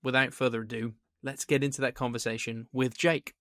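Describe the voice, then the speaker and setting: A man's voice: mid-range voice, little pitch movement, fairly quick, pushed and bright, no room sound. Guy hosting a film podcast, medium voice, friendly, dry close sound. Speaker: podcast host. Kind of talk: interview questions.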